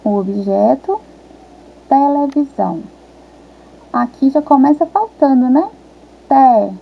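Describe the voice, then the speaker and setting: A woman primary school teacher, patiently walking young children through a worksheet and sounding out syllables slowly. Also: high-pitched, lively intonation, creaky. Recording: tinny phone-quality audio.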